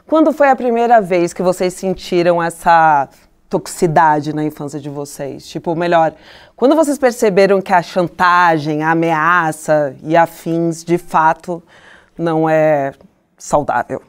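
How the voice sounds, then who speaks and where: A woman with a Brazilian Portuguese accent co-hosting a podcast, telling stories in a lively, slangy, joking way. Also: lowish voice, unhurried, clear, resonant tone. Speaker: podcast co-host. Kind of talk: casual chat.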